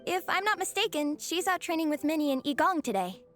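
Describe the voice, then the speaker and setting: A woman voicing a supportive young woman in a fan club, calm and encouraging. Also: very high-pitched, a little fast, soft background music. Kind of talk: game dialogue.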